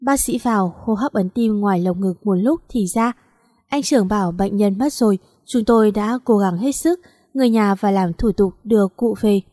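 A woman's voice: mid-range voice, moderate pace, mellow, dry recording, studio quality. Heartfelt woman reading a story. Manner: emotional, heartfelt. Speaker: narrator. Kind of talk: first-person story reading.

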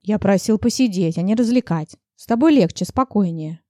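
A woman reading an audiobook, voicing a brooding aristocratic husband who speaks tersely in a lowered, muttering voice. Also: lively intonation, normal speed, mellow, dry recording, clean studio sound, natural voice. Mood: soft.

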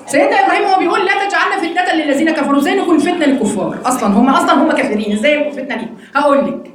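A woman with an Egyptian accent teaching an interactive Quran study lesson, quizzing her students in a quick, teasing way. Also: high-pitched, heavy reverb. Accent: Egyptian Arabic.

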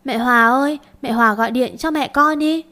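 A woman's voice: sits high, fairly quick, sharp tone, voice pushed up. Woman doing a whiny tearful little girl. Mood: pleading. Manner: sobbing, pleading.

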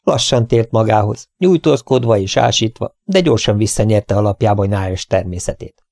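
A man reads a first-person story aloud in a calm, steady way. His voice sits fairly low and sounds dry and close to the mic, with no room sound. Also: no echo. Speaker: audiobook reader. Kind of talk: first-person audiobook narration.

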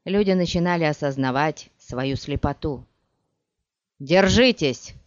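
Slow steady audiobook reader, dry lo-fi recording. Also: medium pitch, dry recording. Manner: slow, measured reading. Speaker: audiobook narrator. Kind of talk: audiobook narration.

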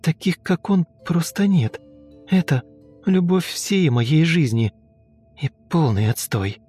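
A man's voice: animated, slow pace, mellow, slightly rough, soft background music, full character voice. Man putting on a sulky young woman. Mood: bitter. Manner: snappish, slangy, rising to shrill sobbing. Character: sulky young woman, rude then tearful.

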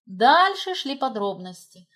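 A woman narrating a dramatic audiobook in an expressive, dramatic way. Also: high-pitched, takes it slowly.

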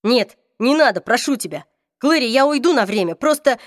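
Woman voicing a hoarse, pleading young man. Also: on the high side, expressive, normal speed, no room sound, studio quality, natural voice.

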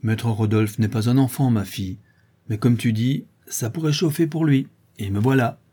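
A man voicing a rough, loyal Parisian ex-brawler who rambles in street slang. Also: mid-range voice, moderate pace, mellow, natural voice. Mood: confiding.

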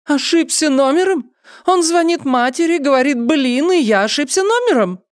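A man putting on a shrill nagging old mother. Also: lively intonation, moderate pace, no room sound, clean studio sound. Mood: reproachful. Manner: shrill, complaining, melodramatic. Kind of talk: audiobook character voice.

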